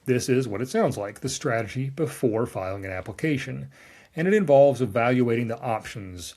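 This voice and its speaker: A man's voice: medium pitch, expressive, moderate pace, a little mellow. A man, a lawyer reading a scripted explainer with wry, dry asides. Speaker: trademark lawyer recapping a newsletter.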